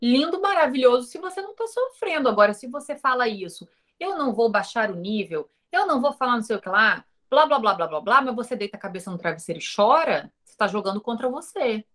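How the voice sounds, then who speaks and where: Woman, Brazilian accent, course teacher, rather high voice, lively, rhetorical questions, acts out dialogue. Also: quick pace, few pauses. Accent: Brazilian Portuguese. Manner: lively, talks straight to the viewers with rhetorical questions; acts out quoted dialogue in her stories. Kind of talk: informal recorded lesson.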